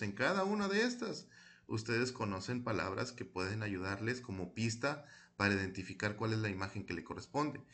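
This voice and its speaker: A man's voice: mid-range voice, sharp tone. A man teaching English to children, explaining patiently in Spanish and reading model dialogues aloud twice for the class to repeat. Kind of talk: recorded classroom lesson.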